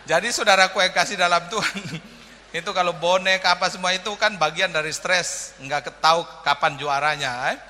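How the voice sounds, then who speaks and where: Bright-voiced joking male preacher. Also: high-pitched, steady tone, moderate pace, in a large hall, a little hiss or hum. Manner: humorous, jokey preaching with frequent "amin" calls. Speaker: pastor. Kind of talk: sermon.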